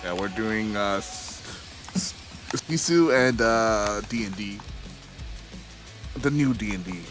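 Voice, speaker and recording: A man's voice: fairly low pitch, animated, slow pace, music in the background. A man from Pakistan chatting casually on a stream, telling stories in a dry, wry way. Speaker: stream guest. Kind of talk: casual chat.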